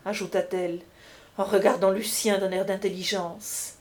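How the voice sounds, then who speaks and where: A woman narrating a classic novel as an audiobook, in a measured, literary manner. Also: mid-range voice, flat delivery, darkish tone.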